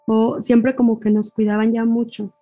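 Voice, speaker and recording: Mexican lady on a podcast, animated storytelling, warm mellow tone, faint music under. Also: a little high, moderate pace, no room sound, poor audio. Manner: animated, acts out family dialogue. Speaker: podcast guest. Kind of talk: casual storytelling.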